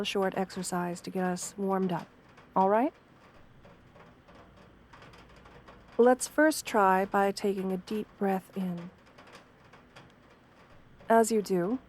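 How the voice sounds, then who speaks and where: In an ASMR roleplay, a woman voices a wolf-girl therapist, speaking softly at a medium female pitch, close to her everyday voice. Gentle and understanding, she picks formal words carefully, staying composed, professional, reassuring, calm and guiding. A little hiss or hum is present.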